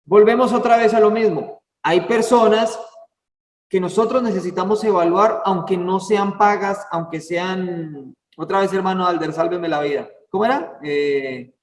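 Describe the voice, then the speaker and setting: A high-voiced man leads an informal church class, chatty and full of fillers. He is recorded from far off in a roomy hall with a long echo. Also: normal speed. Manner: chatty, many fillers, asks the class for words. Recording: echoey hall, far from the mic.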